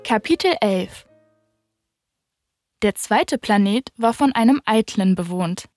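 A woman narrating a storybook audiobook in a calm, even storytelling manner. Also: mid-range voice, measured pace, faint music behind.

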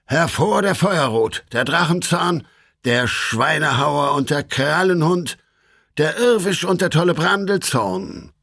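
A man voicing a scheming male devil captain who barks commands at his troop in a storybook reading, with a husky voice. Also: a little high, lively intonation, slow, a bit bright, dry recording, studio quality, pitched above the performer's own voice, heavily acted. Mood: ordering. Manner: barking orders.

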